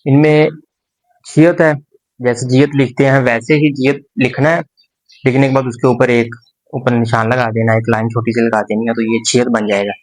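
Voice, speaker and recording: Slow, patient man teaching a language. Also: mid-range voice, steady tone, rough recording. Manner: slow, patient explanation with pauses and repetitions. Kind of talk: explaining a lesson.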